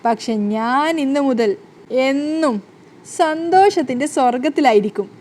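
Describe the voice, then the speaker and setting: A woman's voice: sits high, expressive, a little slow, darkish tone. A woman voicing a gleeful young wife who teases her husband in a playful, mocking way.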